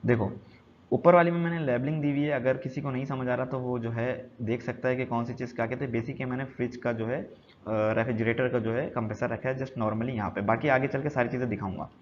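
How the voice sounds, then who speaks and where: A man's voice: medium pitch, fairly even intonation, fast talker. Male instructor, plain mid voice, explanatory slide lesson, faint hiss. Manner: repetitive, explanatory, mixes English terms into Hindi. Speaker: HVAC instructor. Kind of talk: slide-based technical lesson. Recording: dull lo-fi sound with faint noise.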